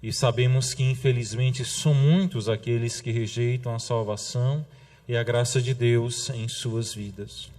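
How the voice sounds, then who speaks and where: A man with a Brazilian Portuguese accent, a priest giving a sermon, talking conversationally with the congregation and slowing down to stress key phrases. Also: mid-range voice, fairly even intonation. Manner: conversational preaching with frequent tag questions to the congregation; slows for emphasis on quotations, drops softly at phrase ends.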